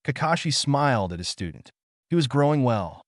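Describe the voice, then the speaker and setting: A man reading a fan fiction story aloud in a steady storytelling manner. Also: medium pitch, normal speed, no echo, clean studio sound. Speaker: narrator. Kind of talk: scripted fan fiction narration.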